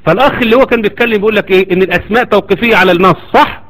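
A man with an Egyptian Arabic accent delivers a religious lecture at a rapid clip. His voice sits high, and he presses his argument with one rhetorical question after another. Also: a bit bright, low-quality recording. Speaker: Islamic lecturer.

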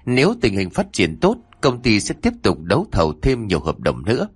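A man telling a scripted horror story in a lively, dramatic way. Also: on the low side, brisk, breathy edge, no echo.

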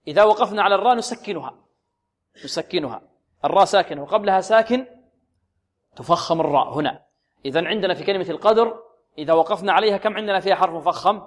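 رجل يعلّم التجويد بصوت مرتفع النبرة. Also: male voice, high voice. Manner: asks questions and answers them himself, repeats sounds slowly for students. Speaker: Quran recitation teacher. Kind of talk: tajweed lesson. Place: radio program recording.

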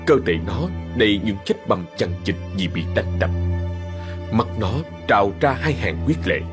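A man narrating a ghost story in a measured, dramatic storytelling way. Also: fairly low pitch, lively intonation, music in the background.

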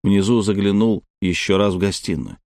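A man narrating an audiobook in a measured, even storytelling manner. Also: sits low, no room sound, clean studio sound. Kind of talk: scripted narration.

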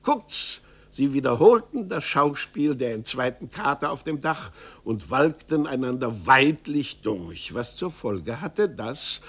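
A man narrating a story in a lively, expressive literary reading for radio. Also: medium pitch.

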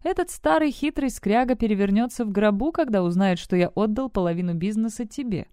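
A cynical, scheming young man in an audiobook, as a woman reads his part. He talks in a smug, brusque way. The voice is dark and smooth, and the recording is dry and close. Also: medium pitch, a little fast, no echo, voice pushed up, natural voice. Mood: gloating.

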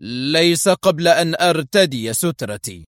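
A man voicing an indignant, short-tempered male lawyer who shouts angry protests. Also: fairly high pitch, animated, a little slow, dry recording, studio quality, pitched above the performer's own voice. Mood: outraged.

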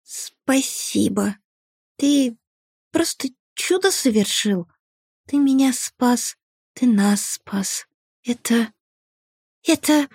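A man voicing a tender, anxious young woman in an audiobook, with a soft, breathy, husky voice and a slow, gentle, emotional delivery. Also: very high-pitched, animated, no room sound, studio quality, pitched above the performer's own voice, exaggerated voice. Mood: tearful gratitude. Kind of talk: audiobook character voice.

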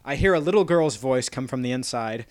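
A man's voice: medium pitch, expressive, brisk, a little mellow, no echo. A man in casual comedic chat, telling a long rambling story and laughing often.

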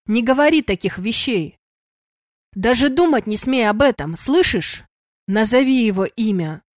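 A woman's voice: on the high side, sing-song, measured pace, dry recording, clean studio sound. A woman voicing a protective male werewolf, giving firm, urgent commands in an audiobook. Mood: stern. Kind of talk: audiobook character voice.

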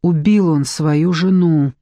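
A woman's voice: sits low, slow, dark tone, dry recording. A woman reading an audiobook, voicing a defiant young former nanny who speaks with scorn. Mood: confiding.

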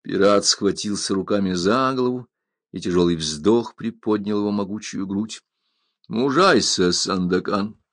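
A man giving scripted audiobook narration in a measured storytelling manner. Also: on the low side, no echo, studio quality.

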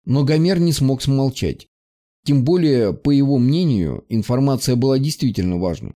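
A man narrating a fantasy audiobook in an even, measured way. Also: mid-range voice. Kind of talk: scripted narration.

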